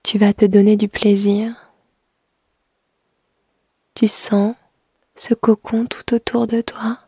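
A woman guiding the listener in an intimate ASMR style, speaking softly and breathily right into the ear. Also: mid-range voice, little pitch movement, takes it slowly, breathy edge, no room sound, studio quality. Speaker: guide of an erotic audio session. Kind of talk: intimate ASMR guided narration.

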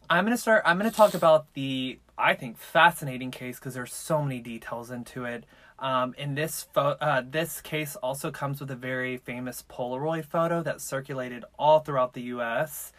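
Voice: medium pitch, a bit bright. Podcast host, campy and sassy, loose casual storytelling, mid-range voice, recorded inside a clothes-filled closet. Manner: campy, sassy, profane slang. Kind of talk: casual chat and true-crime storytelling.

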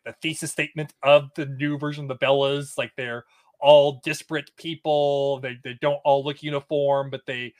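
A man co-hosting a podcast in casual chat, rambling with many fillers. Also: medium pitch. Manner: rambling, filler-heavy, restarts. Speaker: podcast co-host.

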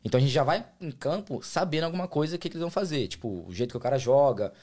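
A man's voice: fairly high pitch, expressive, very fast, a little mellow. A man with a Brazilian Portuguese accent, explaining American football in slangy, casual interview talk as a player and guest. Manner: slangy, colloquial, explains with examples.

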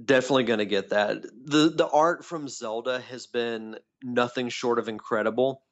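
A man's voice: mid-range voice, moderate pace. A man co-hosting a podcast in casual, enthusiastic chat, heard through a tinny, metallic-sounding phone line. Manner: enthusiastic, rambling fan talk. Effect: tinny, metallic tin-can phone-line sound. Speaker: podcast co-host. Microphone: phone call.

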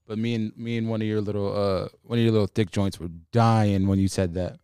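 A man's voice: fairly low pitch, level tone, brisk, mellow, clear, resonant tone, dry recording, clean studio sound. A young man in casual podcast banter, slangy and teasing, often repeating himself.

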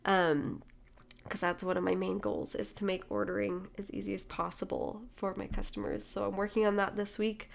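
A young woman talks through a solo podcast episode in an upbeat, encouraging way, laughing easily as she goes. A cold she is getting over leaves her voice slightly nasal, and her pitch sits in an ordinary middle range for a woman. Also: flat delivery, moderate pace, gravelly. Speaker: podcast host and small business owner. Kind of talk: casual solo podcast monologue.

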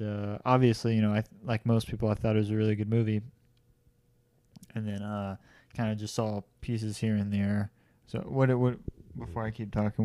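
A man's voice: on the low side, dark tone, clean tone, no echo. A young man hosting a casual podcast chat, rambling and self-deprecating, laughing often. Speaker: podcast host.

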